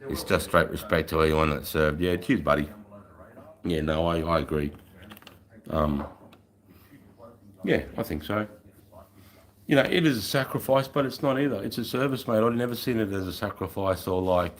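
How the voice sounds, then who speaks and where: An Australian man, a livestreamer and former infantry soldier, chats casually on a livestream in a blokey way, swearing often and full of mate and bro slang. His voice is low, his pace moderate, and he pauses often.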